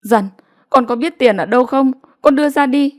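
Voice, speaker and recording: A woman's voice: on the high side, moderate pace, creaky, a little mellow, no room sound, clean studio sound, voice pushed up. A woman voicing a helpless, guilt-ridden village mother who speaks in pleading, apologetic tones. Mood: urgent.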